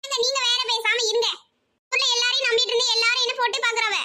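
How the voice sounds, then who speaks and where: A woman's voice: very high voice, flat delivery, fast, pushed and bright, exaggerated voice. A woman playing a harried village wife who scolds and complains in a southern Tamil village dialect. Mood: complaining. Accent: southern Tamil Nadu village dialect. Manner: scolding, exasperated. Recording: noisy background hiss.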